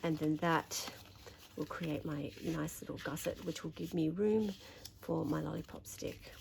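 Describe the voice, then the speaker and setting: An Australian woman with a slightly croaky voice, talking through a papercraft tutorial while she folds and trims, chatty and thinking aloud. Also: low voice, unhurried, a little mellow, a little hiss or hum. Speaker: papercraft demonstrator. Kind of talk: craft tutorial narration.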